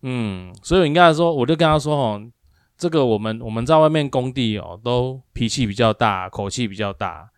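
A man recounts a clash at work with growing heat. He plays both himself and the other side. His voice sits at an ordinary middle pitch and is recorded dry and close, with no room sound. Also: a little fast, clean tone, no echo. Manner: animated, acts out both sides of an argument with rising emphasis. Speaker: co-host of a speaking-skills livestream. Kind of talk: casual storytelling chat.

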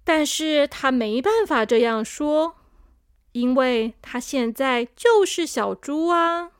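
High, lively woman reading a children's story. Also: no room sound, studio quality. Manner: gentle, addressing young listeners.

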